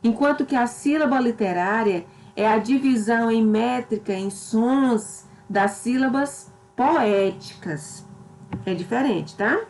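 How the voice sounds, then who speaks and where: A woman teaching a literature lesson in a slightly raised voice. She talks slowly and patiently, checking in often with "certo?". A faint background noise sits under the recording. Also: on the high side, a little mellow, poor audio.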